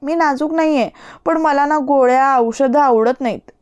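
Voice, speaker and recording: A woman's voice: high voice, moderate pace, a little mellow, lo-fi sound, close to an everyday voice. A woman voicing a shy young woman who scares easily, speaking in a pleading, girlish way in an audiobook story. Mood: plaintive. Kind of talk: audiobook character reading.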